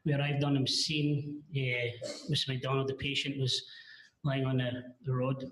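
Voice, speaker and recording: A man gives testimony as a paramedic in a courtroom recording. He speaks plainly and haltingly at a mid pitch, pausing to find his words. The sound carries the echo of a large courtroom. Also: flat delivery, noisy background. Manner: halting, hesitant, plain-spoken.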